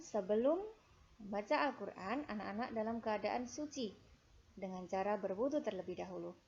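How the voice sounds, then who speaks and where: Slow, over-enunciating Indonesian woman teacher. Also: mid-range voice, a little mellow, highs cut off. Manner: over-enunciating, deliberately drawn-out syllables. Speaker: Quran reading teacher for children. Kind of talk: instructional lesson with slow melodic recitation.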